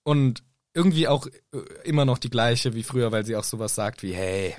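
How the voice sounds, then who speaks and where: A man's voice: medium pitch, brisk, a little mellow, no echo, clean studio sound. A man chatting casually about a book and quoting the characters in acted voices. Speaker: podcast co-host.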